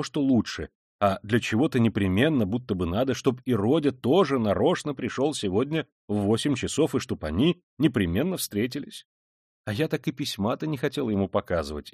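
A man's voice: medium pitch, a little mellow, slightly rough, no echo, studio quality. A man voicing an anxious, fussy older mother who gushes, exclaims and rambles, reading a classic novel aloud. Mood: flustered.

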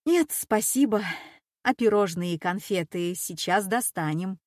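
Woman reading a soft polite young woman, careful and kind, slowish, dry audiobook sound. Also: medium pitch, lively intonation, no room sound. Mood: conciliatory. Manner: soft-spoken, conciliatory. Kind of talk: audiobook character voice.

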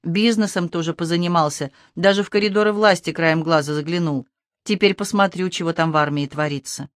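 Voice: medium pitch, steady tone, fairly quick, no echo, clean studio sound, close to an everyday voice. A reader voicing a cheeky young man who jokes with his worried mother in a teasing, breezy way.

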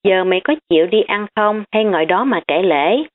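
A woman voicing a defensive, sharp-tongued young female student hiding her family's wealth, on tinny phone-like audio. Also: mid-range voice, moderate pace, natural voice.

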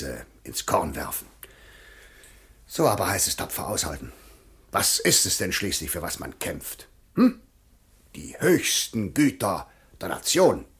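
An actor playing a pompous, bullying village official in a 1950s radio drama, bossy and self-important. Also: male voice, on the low side, fairly bright tone, heavily acted. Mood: self-pitying.

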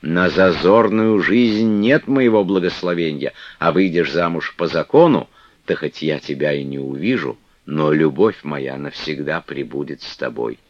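A man's voice: rumbling low, measured pace, dry recording. A man reading the part of a stern but loving elderly abbess in solemn, archaic speech. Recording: dull, dry lo-fi recording.

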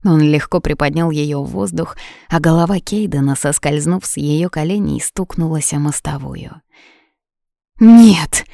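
A woman giving a measured, expressive dramatic audiobook narration. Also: sits low, creaky, no echo, studio quality.

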